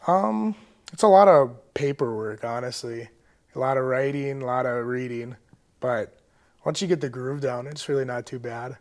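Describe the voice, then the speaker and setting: Speaking at a moderate pace in a mid-range voice, this young adult athlete answers interview questions casually and briefly. He plays college football and comes from Moorhead, Minnesota, in the United States.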